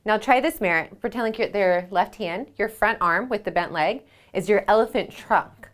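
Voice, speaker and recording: At home, a woman leads a children's yoga storytime, reading a picture book aloud and gently asking the kids questions. Her voice is medium-pitched and her speed normal.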